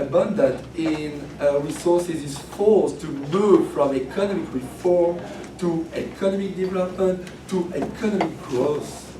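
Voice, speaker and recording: Hoarse, grating male academic in echoey room. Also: fairly high pitch. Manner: halting delivery with frequent stumbles and self-corrections. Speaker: research professor opening an academic workshop. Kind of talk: formal prepared opening remarks, read out. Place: echoey room at a workshop, indoors. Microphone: distant from the speaker. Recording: noisy, echoey room, distant microphone.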